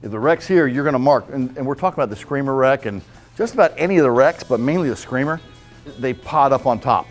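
Speaking fast in a mid-range voice, a man in his fifties leads a casual fishing seminar in a club meeting room while soft music plays behind him. His hands-on talk is blunt and folksy. Again and again he checks on listeners with "okay?"

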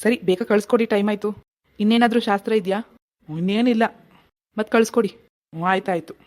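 A woman voicing a calm middle-aged village man, the groom's father, who speaks reassuringly. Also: mid-range voice, fast talker, voice pushed down, close to an everyday voice. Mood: brisk. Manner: soothing, reassuring.

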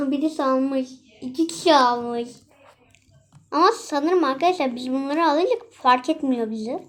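High-voiced young woman playing a game. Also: unhurried. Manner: chatty, exclaiming as she plays. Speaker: gaming channel host. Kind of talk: casual game commentary.

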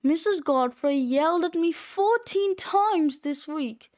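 A woman plays a smug, scheming sixth-grade boy in a storybook reading. His voice is high and full of sarcastic wisecracks. He talks at a slow, measured pace. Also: expressive, a little mellow, exaggerated voice.

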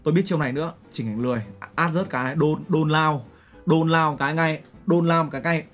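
Young man, livestreamer, high voice, rapid talk, crude joking slang, faint music underneath. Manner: brash, joking, crude slang, talks to chat directly. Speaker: streamer. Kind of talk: casual livestream chat, reacting to photos and clips.

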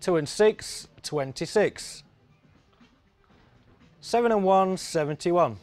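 A man's voice: high voice, animated, slow, a little mellow, soft background music. A middle-aged man calling bingo numbers on a TV show in a sing-song, repetitive patter. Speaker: bingo caller. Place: TV studio.

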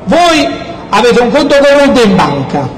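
A man's voice: extremely high pitch, big pitch swings, measured pace, low-quality recording. A middle-aged man with a southern Italian accent from Campania gives an emphatic, insistent political speech, repeating key words. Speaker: local politician. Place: outdoor town square. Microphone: microphone on a stand, amplified. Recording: outdoor public address with background noise.

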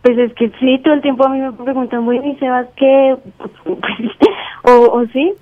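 High-voiced young woman calling in by phone. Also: no echo. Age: 20s. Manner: halting, full of "o sea" and restarts, defensive. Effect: caller's voice heard over a phone line on air. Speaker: radio show caller. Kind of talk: hesitant personal confession to a radio host. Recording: dull phone-line sound, dry.

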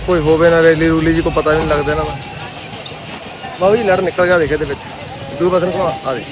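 Over music and the heavy roar of vehicle engines, a man from Punjab, India talks quickly in a slightly high, steady voice with a Punjabi accent. He's a farmer and vlogger filming a casual outdoor video at a grain market, narrating and chatting with the people nearby. The recording is outdoors and full of engine noise and open-air ambience.

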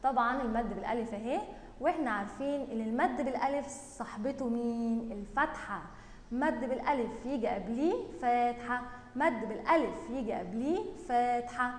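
A woman with an Egyptian accent teaching young children Arabic reading, stretching out words slowly and praising them often. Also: fairly high pitch, roomy sound, in a large hall, a little hiss or hum. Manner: drawn-out syllable-by-syllable reading, praising and questioning pupils. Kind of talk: recorded online lesson for young children.

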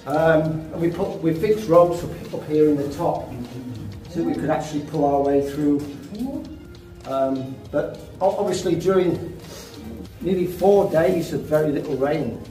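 A middle-aged man explains things as a cave tour guide in a slightly high voice. The cave echo rings around his halting phrases, and music plays behind him. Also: warm tone. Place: inside a large cave. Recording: echoey cave, music over the voice.

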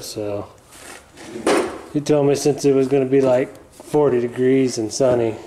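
Working on parts at a garage floor bench, a man hosts a casual repair vlog filmed on his phone, his speech relaxed, mumbly and full of fillers that trail off. He speaks at a medium pitch. The audio is poor, with a little hiss or hum.

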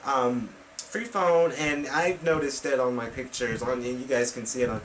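A young man talks straight to his webcam in a small bedroom, his pitch in the middle range. He rambles and restarts often, filling gaps with ums and you-knows. A faint hum of room noise sits under the voice. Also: steady tone, normal speed. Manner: rambling with many fillers and restarts; gestures with hands while talking. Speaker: vlog host. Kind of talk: casual vlog talk to camera. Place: small bedroom with computer desk, indoors.

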